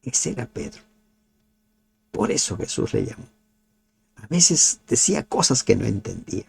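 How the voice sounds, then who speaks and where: A man giving a devotional Bible commentary, asking his listeners rhetorical questions and dropping to soft, nearly whispered pleas. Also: on the low side, big pitch swings, measured pace, vocal fry, slight background noise. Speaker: Bible teacher.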